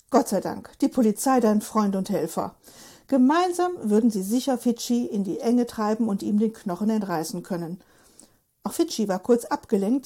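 A woman narrating a story aloud in a lively, expressive reading. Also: a little high. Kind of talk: audiobook narration.

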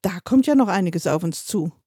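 A woman's voice: on the low side, lively intonation, moderate pace, mellow, husky, dry recording, studio quality. A woman reading a story aloud, voicing a stern, exasperated mother scolding her children.

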